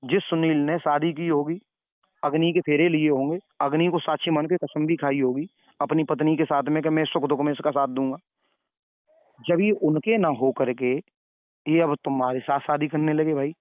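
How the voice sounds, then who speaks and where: Over a phone call, a man who is a preacher gives moralizing, elder-brotherly advice, repeating his points for emphasis. His slightly high voice keeps a steady tone at normal speed, with no echo, though the phone recording is narrow and tinny.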